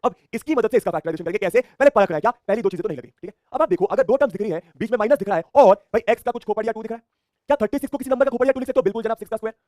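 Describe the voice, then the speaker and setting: A man races through a math lesson, asking questions and answering them himself. His voice sits high for a man. The sound is close and dry, with no room around it. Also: very fast, no room sound. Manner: energetic, repeats phrases, asks and answers his own questions. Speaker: math teacher.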